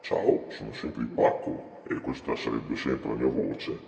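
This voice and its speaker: A man speaking through a pitch-shifted voice filter that makes him sound like a deep altered version of himself, in a relaxed, offhand test recording. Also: measured pace, creaky, roomy sound, big-room sound, a little hiss or hum, heavily acted. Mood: flat. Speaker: podcaster testing voice effects.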